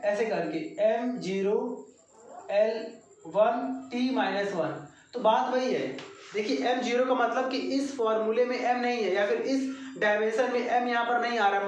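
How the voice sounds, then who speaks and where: A man's voice: very high voice, a little hiss or hum. A man teaching a physics lesson, explaining step by step and talking straight to his students. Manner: repetitive, step-by-step explaining, addresses students directly. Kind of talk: classroom lecture at a board. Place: classroom at a coaching centre. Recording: very echoey room, mic far off.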